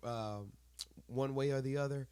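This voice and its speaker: A man's voice: mid-range voice, fairly even intonation, a little slow, mellow, smooth, no room sound. A man, congested and worn from singing, chatting casually as a podcast co-host. He rambles, corrects himself and laughs often. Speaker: podcast co-host, worship leader. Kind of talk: casual chat.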